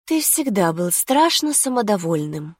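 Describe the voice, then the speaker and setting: Женщина-чтица озвучивает игривую, влюблённую молодую женщину, мягко и с придыханием. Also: female voice, mid-range voice, very animated, a little slow, no echo, clean studio sound. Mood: flirty.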